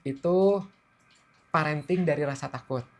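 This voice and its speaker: A man, calmly explaining things step by step as the guest expert on a podcast. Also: a little high, moderate pace. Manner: calm, explains in steps with everyday analogies.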